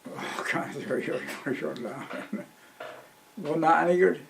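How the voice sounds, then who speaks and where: A man's voice: fairly high pitch, unhurried, vocal fry, noisy background. A man in his seventies chatting casually at home on camera, with a dry, teasing way of talking. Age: 70s. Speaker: interviewee.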